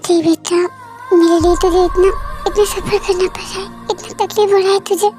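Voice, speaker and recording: Woman reading emotional worried dad, fan audio drama, very high voice, faint music. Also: flat delivery, moderate pace, mellow. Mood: fretful. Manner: fretful, emotional. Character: doting, tearful middle-aged father.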